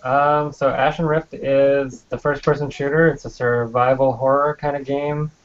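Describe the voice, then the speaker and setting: A man's voice: mid-range voice, level tone, moderate pace. A man being interviewed on a podcast about his game, talking hesitantly with many ums and uhs. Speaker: game developer guest. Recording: dull lo-fi podcast audio.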